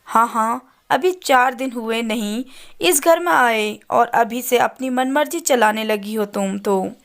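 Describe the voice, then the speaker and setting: A woman's voice: on the high side, slow pace. A woman voicing a bossy, irritable middle-aged mother-in-law in a storybook, scolding and complaining. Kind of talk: storybook character voice.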